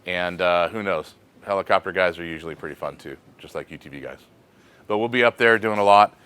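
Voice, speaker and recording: A man with an American accent hosting a casual shop question segment, thinking aloud in a relaxed way with frequent fillers. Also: sits low, a little fast, smooth, no room sound.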